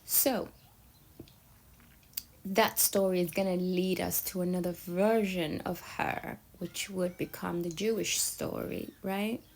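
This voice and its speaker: A woman's voice: on the low side, fairly even intonation, slow, creaky, darkish tone, poor audio. A woman from Somalia telling stories in a casual monologue, often checking in with her listener with "yeah?" and "right?". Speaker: storyteller.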